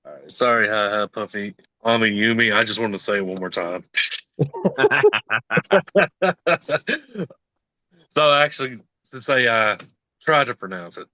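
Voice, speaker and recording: A man's voice: medium pitch, sing-song, takes it slowly, long pauses, sharp tone, no room sound, highs cut off. A man with a Southern US accent co-hosting a casual podcast chat, laughing often and tripping over names. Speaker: podcast co-host.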